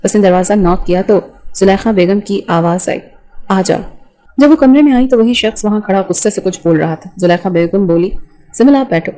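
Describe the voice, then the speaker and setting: A woman narrating a romance novel with an even, storytelling delivery. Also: medium pitch, rough recording.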